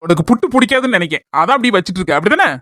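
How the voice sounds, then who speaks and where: A woman's voice: medium pitch, animated, very fast, a bit bright, dry recording, clean studio sound, lightly acted. A woman voicing a caring young husband in a cartoon, coaxing and reassuring with a Kanyakumari Tamil accent. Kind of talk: cartoon voice acting.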